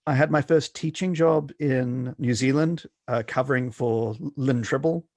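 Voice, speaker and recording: A guest scholar, middle-aged and from South Africa, talks in an academic interview with a mixed accent that's mostly Australian. He hesitates constantly, restarting and filling gaps. Expect a mid-range, darkish voice at a measured pace, recorded at studio quality with no room sound.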